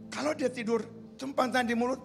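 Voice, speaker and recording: A male pastor preaching a lively, joking sermon in a church, acting out stories with sudden shouts. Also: very high-pitched, fast, gravelly, faint music behind. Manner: animated, jokey storytelling with sudden shouts and voices. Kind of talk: lively sermon with acted-out anecdotes. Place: church sanctuary.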